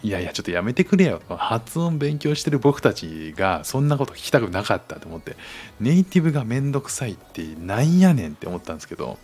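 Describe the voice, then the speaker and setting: A man's voice: mid-range voice, big pitch swings, quick pace, a little mellow, husky, faint music behind. A man hosting a casual podcast monologue, talking with lots of fillers and restarts. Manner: hesitant, many fillers and restarts. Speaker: podcast host.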